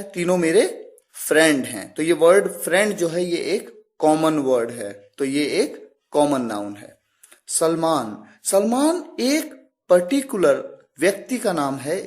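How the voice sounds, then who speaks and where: A man teaching English grammar. He explains slowly and deliberately, stops on each example word and keeps asking the listener questions. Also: sits high, darkish tone. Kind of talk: classroom explanation.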